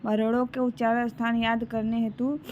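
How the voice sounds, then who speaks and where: A woman teacher giving an exam-prep lesson, slowly reading out lists and reminding students to memorize them. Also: a little high, little pitch movement, a little mellow. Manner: slow, deliberate listing with repeated reminders to memorize. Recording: slightly dull recording with faint room noise.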